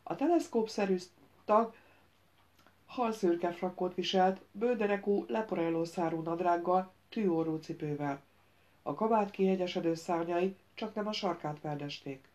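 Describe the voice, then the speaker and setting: A woman's voice: fairly low pitch, darkish tone. Woman reading an audiobook, muffled. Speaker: audiobook narrator. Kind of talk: scripted narration.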